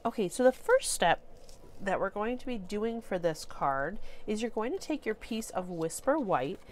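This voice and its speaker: A woman's voice: mid-range voice, lively intonation, normal speed. Congested female craft host; casual, chatty tutorial delivery with filler ums.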